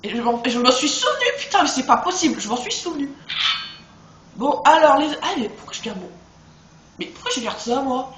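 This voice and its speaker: A man chatting excitedly to viewers as he plays through a video game. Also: very high voice, a little fast, reverberant, noisy background. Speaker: let's play host. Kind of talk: gameplay commentary.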